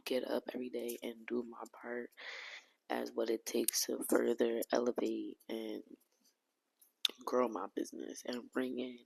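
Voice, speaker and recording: A woman's voice: a bass voice, flat delivery, a little slow, creaky, a little mellow, slightly rough, rough recording. A woman hosting her own podcast, talking candidly in a heartfelt, rambling way with casual slang and frequent restarts. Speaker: podcast host.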